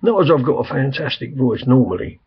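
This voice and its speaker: An older man, hoarse and coughing, rambling chattily with lots of fillers in a casual video message from a quiet room at home. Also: medium pitch, animated, fairly quick. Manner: rambling, chatty, frequent "I mean" and "um". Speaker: vlogger. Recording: dull lo-fi home recording.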